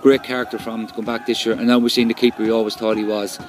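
Fluent Irish man, medium-pitched. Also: level tone, racing, rough recording. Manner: fluent, colloquial. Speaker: football supporter sending in a match reaction. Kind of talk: informal spoken match review.

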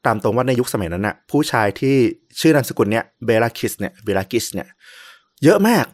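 A man co-hosting a podcast, telling a historical story in a relaxed, chatty way with many fillers. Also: on the low side, quick pace, no echo, studio quality.

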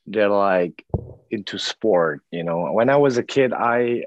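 A man from Indonesia, an actor in his forties, talking casually in an interview, halting often with restarts and "you know". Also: lowish voice, lively intonation, no room sound, lo-fi sound.

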